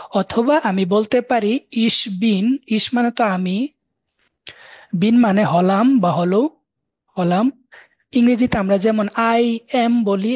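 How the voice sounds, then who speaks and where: A man's voice: sits high, a little mellow, dry recording. A man from Bangladesh with a Bangladeshi Bengali accent, giving an online German lesson, patiently explaining words and spelling them out letter by letter. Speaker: German language instructor.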